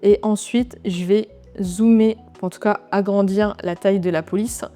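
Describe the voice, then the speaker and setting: A woman talking through a design software tutorial step by step, with relaxed, chatty asides as she works. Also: mid-range voice, moderate pace, faint music behind. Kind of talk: screen-recorded software tutorial.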